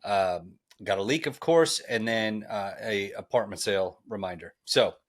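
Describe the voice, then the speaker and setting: A man hosting a laid-back podcast in a somewhat low voice. He talks in a friendly, rambling way, full of ums and uhs. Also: normal speed. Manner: friendly, filler-heavy, rambling. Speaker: podcast host. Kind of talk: casual podcast chat.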